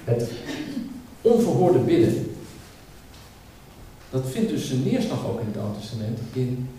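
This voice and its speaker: A man delivers a sermon with steady emphasis, circling back on his own words to drive a point home. His voice is mellow and dark. He is heard from well off the mic, in a large hall full of echo. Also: medium pitch, unhurried, slight background noise. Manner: emphatic, repeats words while building a point. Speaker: preacher. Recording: echoey hall, speaker far from mic.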